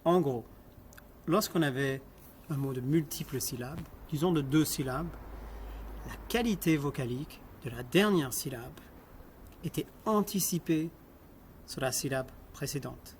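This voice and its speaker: A man's voice: fairly high pitch, a little slow, pauses often, slight background noise. French-speaking man giving a linguistics lecture. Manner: explanatory, asks students questions, repeats example words.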